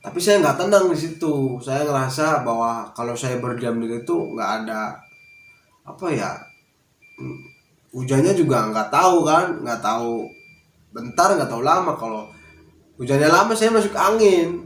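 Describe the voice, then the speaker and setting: A man's voice: fairly high pitch, expressive, normal speed, pauses often, fairly bright tone. Rambling man telling a story, echoey room. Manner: rambling, repeats fillers like "tuh" and "gitu kan". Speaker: vlogger. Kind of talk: casual storytelling. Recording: echoey room with faint noise.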